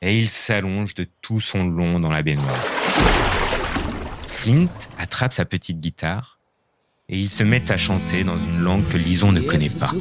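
A man reading a children's story aloud, clear and expressive. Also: sits low, measured pace, over loud music.

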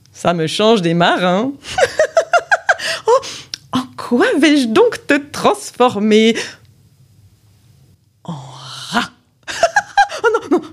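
A woman voicing a wicked sorceress in a children's storybook, gloating and cackling with drawn-out words. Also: a little high, pitched above the performer's own voice, full character voice.

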